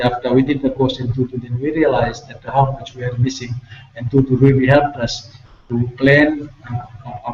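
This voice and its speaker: A man from Fiji, answering questions on a video call with earnest, grateful, slow explanations. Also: mid-range voice, darkish tone. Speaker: guest. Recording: echoey, distant, muffled video call.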